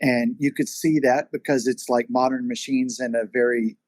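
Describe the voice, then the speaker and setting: A man's voice: mid-range voice, fairly even intonation, normal speed, no echo. A man hosting a casual interview conversation, rambling along with many fillers. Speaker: podcast host and magazine editor.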